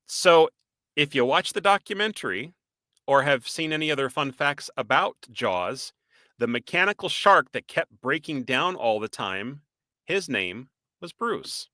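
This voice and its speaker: A man with a Boston accent co-hosting a live-stream podcast, chatty and animated, reading out viewer comments and quizzing his co-host. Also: medium pitch, measured pace, no echo. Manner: animated, reads out viewer comments, laughs often. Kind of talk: casual live-stream chat.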